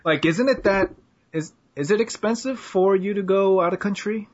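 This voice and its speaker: Heard through muffled lo-fi audio, a southern U.S. podcast host with a high-pitched voice speaks at normal speed. He jokes around and teases his guests in a casual chat, often swearing and laughing.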